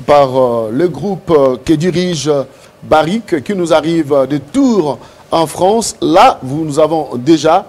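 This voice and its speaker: A man presenting a live TV event, talking in a hurried, repetitive, excitable way. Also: on the high side.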